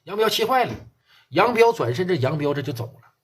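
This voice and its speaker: Husky Northeastern Mandarin storyteller. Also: male voice, sits high, very animated, fairly quick. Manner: colloquial, crude, vivid. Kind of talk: crime storytelling.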